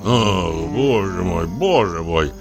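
A man's voice: fairly low pitch, sing-song, slow pace, over music, voice pushed up, full character voice. A man reading an audiobook voices a huge middle-aged man woken at night, sighing and breathing heavily. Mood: sleepy, grumbling. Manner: sighing, groaning, heavy breathing.

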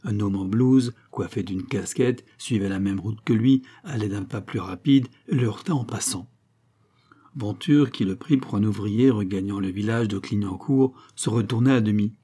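A man reading a novel aloud as narrator at a steady, measured pace. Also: on the low side, breathy edge. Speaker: audiobook narrator. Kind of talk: scripted narration.

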